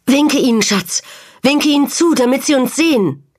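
A woman voicing a desperate, weeping father in a dramatic story, his lines pitched high and loud. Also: lively intonation, normal speed. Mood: urgent. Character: desperate father, a man trying to save his daughter.

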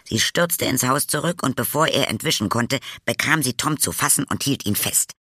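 A man narrating a children's storybook in a lively, expressive way. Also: medium pitch, normal speed, husky, dry recording, studio quality.

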